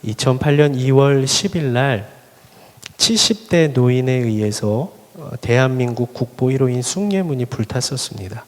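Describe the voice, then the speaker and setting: A male pastor preaching a sermon, telling stories earnestly and building into loud, impassioned appeals. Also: mid-range voice, expressive, moderate pace. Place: church sanctuary at a Friday worship service. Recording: long reverb of a large church hall.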